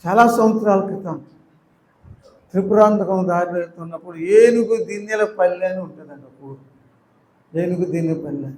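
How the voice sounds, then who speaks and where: A man's voice: high voice, fairly quick, long pauses, darkish tone, roomy sound, poor audio. An older man preaching a sermon with a Telugu accent, building to emotional crescendos as he retells people's pleas.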